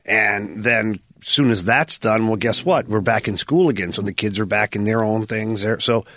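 A middle-aged man chatting on a podcast in a matter-of-fact, low-key way. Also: moderate pace, fairly bright tone, dry recording, studio quality. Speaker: podcast co-host, former hockey player. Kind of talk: casual chat.

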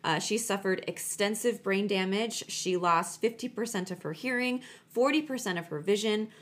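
A woman with a medium-pitched voice co-hosts a true crime podcast. She tells stories conversationally and stresses her points by repeating words. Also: normal speed. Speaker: podcast co-host. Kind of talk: chatty true crime storytelling.

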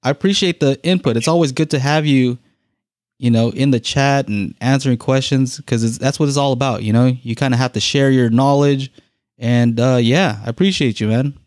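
A man's voice: mid-range voice, moderate pace, a little mellow, dry recording. Easygoing man hosting a dry call-in show. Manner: easygoing, laughing, filler-heavy. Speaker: podcast host. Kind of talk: live call-in podcast chat.

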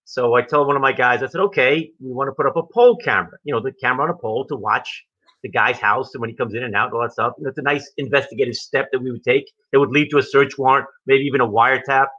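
A man, a retired police lieutenant, telling wry, measured stories in a casual podcast chat. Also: medium pitch, bright, forceful tone. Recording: dull lo-fi sound.

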